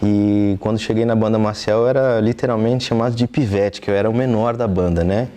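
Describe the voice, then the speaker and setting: A young man from southeastern Brazil with a Brazilian Portuguese accent, answering interview questions earnestly in a TV studio, pausing often with fillers. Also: lowish voice, steady tone, dark tone. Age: young adult. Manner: earnest, thoughtful, with frequent hesitation fillers. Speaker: interview guest, trumpeter.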